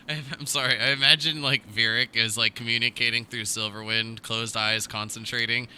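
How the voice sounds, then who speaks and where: A man's voice: mid-range voice, little pitch movement, normal speed, pushed and bright, slight background noise, low-quality recording. A man running a tabletop game as game master, chatting loosely and laughing often. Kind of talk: casual tabletop game chat.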